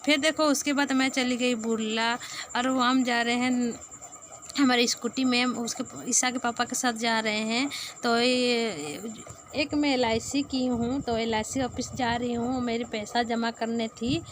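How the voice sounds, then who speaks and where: A woman with a Sambalpuri Odia accent, a native Odia speaker narrating a casual vlog in halting Hindi, searching for words. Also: a little high, steady tone, a little hiss or hum. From Sambalpur, Odisha. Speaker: vlogger.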